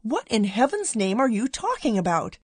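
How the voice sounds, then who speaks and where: A woman voicing an excited wife who scolds her husband, in a storybook reading. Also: on the high side, normal speed, husky, no echo, pitched above the performer's own voice. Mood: scolding. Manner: exclaiming, scolding.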